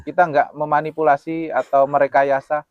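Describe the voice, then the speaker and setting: A man hosting a talk show, addressing viewers earnestly and solemnly, his voice swinging between loud emphasis and soft asides. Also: fairly high pitch, flat delivery, moderate pace, no echo, lo-fi sound. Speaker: host.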